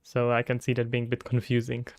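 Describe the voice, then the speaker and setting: Quick and monotone, this medium-pitched male voice belongs to a Czech man from the Czech Republic who streams game development. He thinks aloud and casually answers chat as he works, captured in a dry, studio-quality recording.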